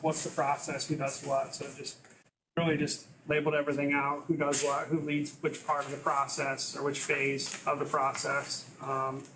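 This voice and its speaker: Male board member, higher voice, monotone, casual checklist walkthrough. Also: moderate pace, a little hiss or hum, low-quality recording. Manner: runs through a checklist in a casual, flat tone. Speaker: board member presenting a document. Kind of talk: public meeting presentation. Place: meeting room.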